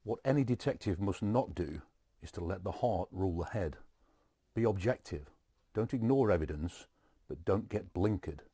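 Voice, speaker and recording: A man who is a former detective giving calm expert commentary, advising and asking rhetorical questions. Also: low voice, moderate pace, slightly rough, dry recording, clean studio sound.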